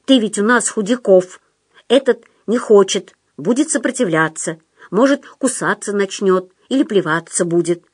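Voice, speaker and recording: A woman voicing a manipulative male psychiatric patient who talks in a low, insistent, conspiratorial way. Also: moderate pace, breathy edge, dry recording, clean studio sound, natural voice. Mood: scheming.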